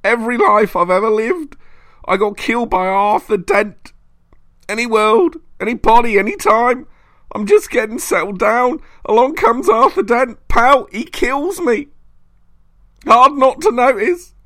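A raspy, ranting vengeful spirit. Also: male voice, fairly high pitch, lively intonation, measured pace, fairly bright tone, dry recording, pitched above the performer's own voice. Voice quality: rasping, hissing voice. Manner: menacing, rising to bellowing shrieks. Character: vengeful reincarnated male spirit, hateful and ranting. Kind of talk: audiobook character voice.

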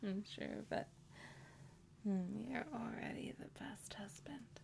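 A young woman in an intimate, whispered roleplay, speaking softly with gentle hums between lines. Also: mid-range voice, slow pace, vocal fry. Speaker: roleplaying a pregnant wife.

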